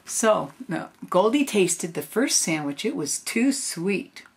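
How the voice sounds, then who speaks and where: An older woman reading a storybook aloud in a gentle grandmotherly way, adding casual asides. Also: medium pitch, very animated, takes it slowly, a little hiss or hum.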